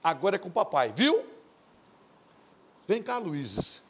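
A man hosting a TV show, delivering loud, mocking studio commentary, shouting at times and acting out quoted voices. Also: sits high, wildly swooping pitch, slow pace, very noisy. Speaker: TV host.

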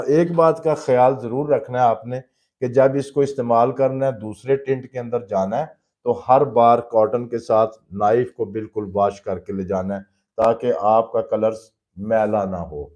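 Male painting teacher, warm low tone, patient and fatherly, breaks each step down in plain terms. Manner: addresses students fatherly as "beta". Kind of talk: live painting demonstration lesson.

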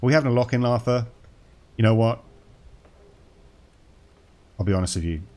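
A man's voice: medium pitch, normal speed, darkish tone. A man casually commenting on a horror game as he plays, joking and talking to the game's characters. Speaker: gaming channel host.

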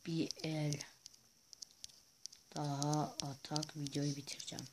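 A male gaming host giving playful, excitable commentary over his own gameplay, often chanting silly repeated sounds. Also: a little high, slow pace, background noise.

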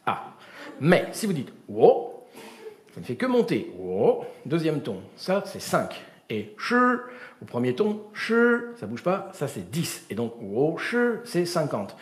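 A middle-aged man giving a comic storytelling lecture, animated and full of imitated voices and sounds, with many restarts. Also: medium pitch, a little slow, reverberant. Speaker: performer of a gesticulated lecture.

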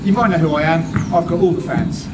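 A man's voice: fairly high pitch, lively intonation, quick pace, natural voice. A man voicing a brash young vigilante who boasts and taunts rivals. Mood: boastful. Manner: swaggering, taunting. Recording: loud street noise with passing car.

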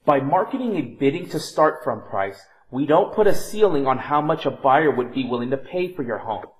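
An upbeat man in his thirties delivers a persuasive, scripted real estate sales pitch straight to the camera. His voice sits at an everyday middle pitch. He was recorded indoors from a moderate distance. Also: animated, normal speed. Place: bright home interior, indoors.

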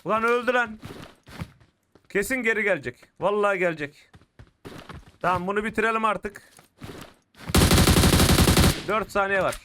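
A young man commentating his mobile shooter game, getting frustrated and shouting at opponents. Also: high-pitched, moderate pace, long pauses, noisy background. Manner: excitable, frustrated outbursts while playing. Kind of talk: live gameplay commentary. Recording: clear game gunfire behind the voice. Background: shooter game gunfire and clicks.

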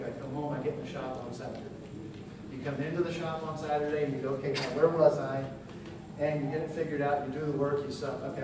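Plainspoken man teaching in an echoey hall. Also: mid-range voice. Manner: easygoing, practical, plainspoken. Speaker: woodworking instructor. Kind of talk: answering audience questions. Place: large conference room with audience. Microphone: far camera. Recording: echoey hall, far mic, room noise.

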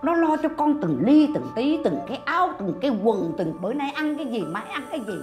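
A bossy but doting older mother-in-law in a sitcom. Her voice sits high and moves a great deal. She scolds sharply and comforts softly. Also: very animated, quick pace, reverberant, music in the background. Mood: scolding. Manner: scolding and sharp, then soft and consoling. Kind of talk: sitcom acting.

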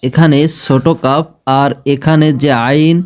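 A man with a smooth, resonant voice and a Bangladeshi Bengali accent leads a recitation lesson at an unhurried pace. He chants each verse in long, stretched phrases, then explains pronunciation briskly. The recording sounds a little dull and lo-fi. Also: on the high side, little pitch movement, darkish tone. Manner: slow drawn-out chanting of verses between quick explanations. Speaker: Quran recitation teacher.

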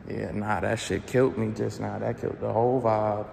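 A man's voice: on the low side, level tone, a little fast, vocal fry, a little mellow, a little hiss or hum. A man in his twenties vlogging casually in a gym on a phone, rambling and swearing in frustration. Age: 20s. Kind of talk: casual vlog. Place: large indoor gym. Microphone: phone held low at arm's length. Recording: echoey gym room.

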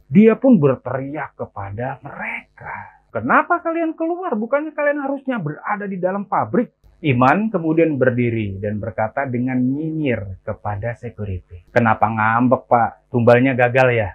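A man's voice: mid-range voice, darkish tone. Chatty man telling a horror story. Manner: chatty, addresses listeners directly. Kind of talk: casual spoken horror storytelling. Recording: tinny phone-like recording, faint hiss.

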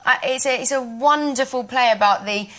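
Bright giggly Essex woman. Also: fairly high pitch, brisk. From Essex, England. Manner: chatty, giggly, animated. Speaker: actress guest. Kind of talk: casual chat on a daytime talk show. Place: television studio.

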